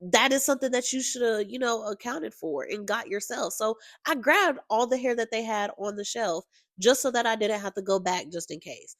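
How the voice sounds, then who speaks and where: A woman hosting her own podcast, telling a story in a casual, exasperated, animated way and talking straight to her listeners. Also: a little high, moderate pace, no echo, studio quality. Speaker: podcast host.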